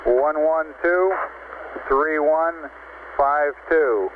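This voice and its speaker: A man working as a mission control communicator, giving measured, clipped procedural messages over a two-way radio. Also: a little high. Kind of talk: procedural radio readout of figures. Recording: tinny noisy 1960s radio link.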